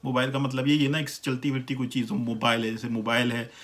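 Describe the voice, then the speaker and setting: A man from Pakistan with a Pakistani accent, giving a relaxed, conversational pronunciation lesson and repeating words slowly to compare them. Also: mid-range voice. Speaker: language teacher. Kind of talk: casual explanatory lesson.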